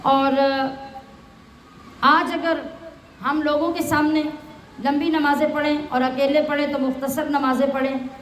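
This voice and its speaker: A woman's voice: high voice, little pitch movement, a little slow, pauses often, slight background noise. A woman teaching the Quran, reciting Arabic phrases and explaining each one in plain words, often asking her listeners questions. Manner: asks the listeners rhetorical questions. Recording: echoey room.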